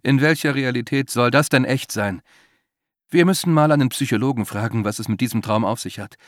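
A man voicing a teasing, cheerful young woman who chats in a bright, playful way. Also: medium pitch, fairly quick, no room sound, clean studio sound, close to an everyday voice.

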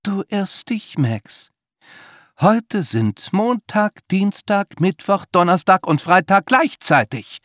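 A man voicing a pushy, insistent young male student in a shrill, demanding, theatrical way. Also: lively intonation, slow pace, fairly bright tone, no room sound, studio quality, heavily acted. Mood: menacing.

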